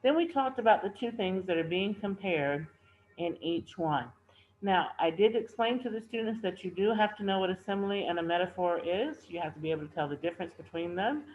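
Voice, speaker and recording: A woman teacher walks students through a workbook lesson on video, patiently repeating and rephrasing each key term. Her voice sits fairly low. The recording is dull and lo-fi. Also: fairly quick. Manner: reads poem aloud with stressed line endings.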